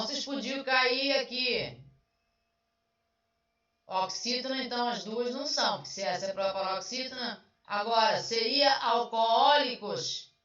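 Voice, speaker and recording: A woman teacher goes through exam answers step by step, chatty and questioning. Her voice is bright and keen. It sounds dull and far from the mic, in a very echoey room. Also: a little high. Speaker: Portuguese language teacher. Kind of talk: online exam review lesson. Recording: roomy, distant, dull sound.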